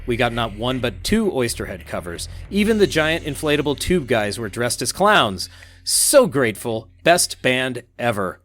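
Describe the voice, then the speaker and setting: A man co-hosting a casual podcast, reading listener messages aloud in an upbeat, animated way. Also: medium pitch, moderate pace. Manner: upbeat, reads quotes aloud with animated emphasis.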